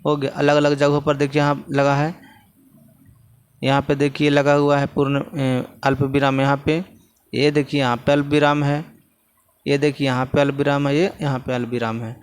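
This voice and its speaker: Male teacher with a Bihari Hindi accent, clear resonant voice, repeats lines while pointing at the text. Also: medium pitch, little pitch movement, moderate pace. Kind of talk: classroom lesson explaining textbook answers.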